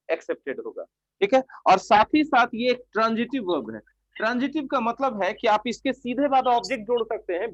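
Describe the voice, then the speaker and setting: A male teacher with a high-pitched, echo-free voice runs an online English vocabulary class in Hindi. He tends to repeat what he asks and presses students for yes-or-no replies. The recording, made on an online class microphone, is dull and dry.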